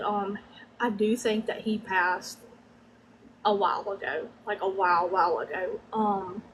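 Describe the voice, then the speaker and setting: A woman's voice: mid-range voice, slight background noise, poor audio. Southern woman medium with a drawl. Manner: Southern drawl with folksy, halting, repetitive phrasing. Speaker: medium giving spirit readings. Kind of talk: conversational psychic reading.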